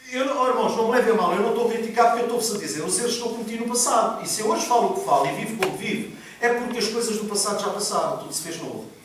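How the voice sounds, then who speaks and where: A man preaches with emphatic repetition, asking the congregation questions as he goes. His voice sits high for a man. It rings out through a very echoey church hall, picked up from a distance by the mic. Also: a bit bright, a little hiss or hum. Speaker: pastor. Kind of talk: sermon.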